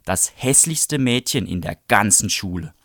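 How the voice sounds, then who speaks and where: A man reading aloud, voicing a bratty, hot-tempered schoolboy bully with snarling, shouted insults. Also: fairly low pitch, lively intonation, measured pace, dry recording, studio quality, heavily acted. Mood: taunting.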